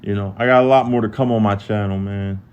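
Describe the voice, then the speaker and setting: Profane, animated Philadelphia man telling stories. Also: fast, clean tone, dull audio. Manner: animated, profane, acts out other people's lines in a higher voice. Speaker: host telling prison stories on a live stream. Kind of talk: casual storytelling, live stream.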